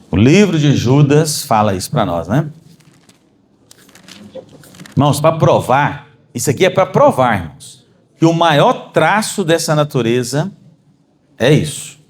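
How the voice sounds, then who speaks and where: A Brazilian man preaching a sermon to his congregation, calling them brothers and climbing to emphatic peaks. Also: medium pitch. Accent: Brazilian Portuguese. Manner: animated, rising to emphatic peaks. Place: church.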